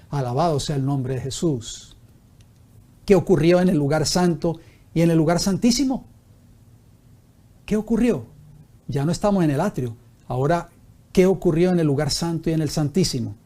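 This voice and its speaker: A man's voice: fairly high pitch, normal speed, warm tone. A man pastor teaching a Bible study sermon, reading scripture aloud and asking his listeners rhetorical questions.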